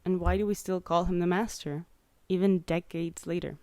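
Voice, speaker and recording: A woman's voice: lowish voice, steady tone, normal speed, darkish tone, dry recording. A young woman hosting a podcast, chatting casually with lots of likes and ums. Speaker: podcast host. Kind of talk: casual chat.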